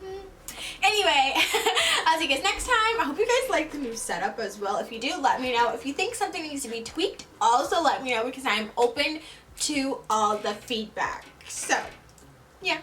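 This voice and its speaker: A woman's voice: high-pitched, expressive, moderate pace, sharp tone, slight background noise, poor audio. A young woman chatting casually through a get-ready-with-me beauty vlog, loose and talky with slang and fillers. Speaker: beauty vlogger.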